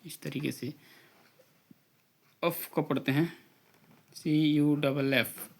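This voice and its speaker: A man teaching an English phonics drill, spelling out letters and blending each sound slowly with repetition. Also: fairly high pitch, fairly even intonation, creaky. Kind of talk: slow phonics drill lesson.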